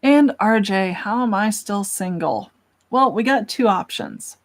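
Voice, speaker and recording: A woman's voice: mid-range voice, expressive, unhurried. A young woman hosting a casual livestream, chatting and answering questions from chat in a self-deprecating way.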